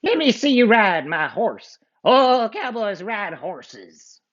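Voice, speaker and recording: A man voicing a mean, gruff cowboy outlaw with a drawl in a storybook reading, on a muffled lo-fi recording. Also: high voice, very animated, slow pace, a bit bright, pitched above the performer's own voice, full character voice. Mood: suspicious.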